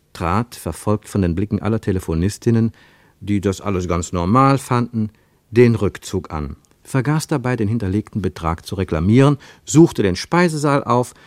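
A man narrating a radio drama expressively, with an animated storyteller's delivery. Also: on the low side, no room sound, clean studio sound.

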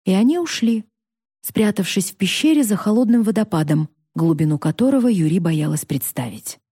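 A woman narrating a fantasy story in a steady, measured storytelling voice. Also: medium pitch, slightly rough, dry recording, studio quality. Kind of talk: expressive fantasy audiobook reading.

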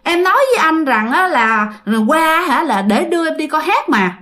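A woman's voice: high voice, sing-song, normal speed, pushed and bright, voice pushed up, full character voice. A woman voicing an indignant young man who insists on his story, in a heated, pleading way, within a told ghost story. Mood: insistent.

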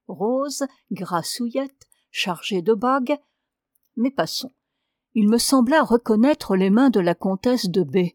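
A woman narrating a classic literary tale in a measured, expressive reading. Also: medium pitch, no echo, clean studio sound. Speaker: reader.

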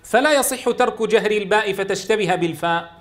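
A man teaches a tajweed lesson in a fairly high voice. He drills each letter sound, stretching and repeating it with firm stress so his students can follow along. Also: brisk, fairly bright tone. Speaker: Quran recitation teacher.

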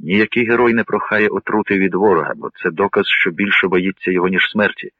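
A proud, bitter Viking warlord held captive, voiced by a male narrator. His deep voice stays low and scornful. The sound is dry and narrow, like a phone line. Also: quick pace, dry recording. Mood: grim pleading.

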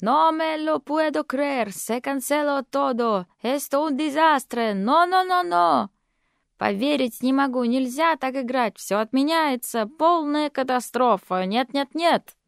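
A woman voicing a hot-tempered, dramatic young woman cousin who yells drawn-out outbursts in an audiobook. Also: high voice, gravelly, no echo, studio quality, voice pushed up. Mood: furious.

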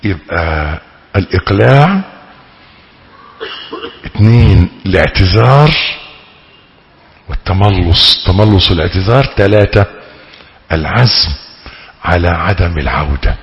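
A man with an Egyptian Arabic accent giving a religious lesson as a sheikh, talking in a dramatic way that rises to loud, pleading emphasis. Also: deep voice, lively intonation, a little slow, long pauses, dull audio. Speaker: sheikh teaching theology. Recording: reverberant hall.

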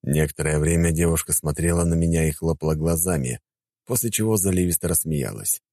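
A man narrating an audiobook in a calm, wry, laid-back manner. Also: a bass voice, fairly quick, dry recording, studio quality.

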